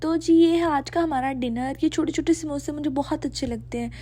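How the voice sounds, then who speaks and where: A woman's voice: high voice, steady tone, fairly quick, mellow, rough recording. A young woman chatting casually in a home vlog, repeating herself and mixing in English words. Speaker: vlogger. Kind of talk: casual daily vlog chat. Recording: home video with clear background noise.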